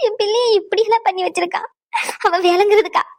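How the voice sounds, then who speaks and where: Woman doing a complaining cartoon mom, bitter, high and quick. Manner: complaining, scornful. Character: indignant middle-aged mother, scolding and bitter.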